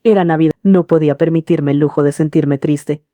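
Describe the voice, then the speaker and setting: Low-voiced woman telling a story. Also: fairly even intonation, fairly quick, dark tone, dry recording. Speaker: narrator. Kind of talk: scripted first-person narration.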